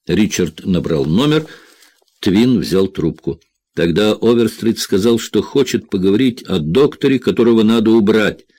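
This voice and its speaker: A man narrating a thriller audiobook in a steady, measured reading. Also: on the low side.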